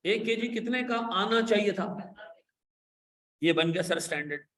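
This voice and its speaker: A man giving an accounting lecture, animated and coaxing, pressing his students with repeated questions and playful scolding. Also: high-pitched, normal speed, echoey room. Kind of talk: classroom lecture.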